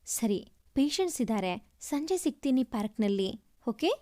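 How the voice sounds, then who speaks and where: A man's voice: very high voice, very animated, unhurried, dark tone, voice pushed down, full character voice. A woman voicing a friendly young male doctor. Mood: teasing.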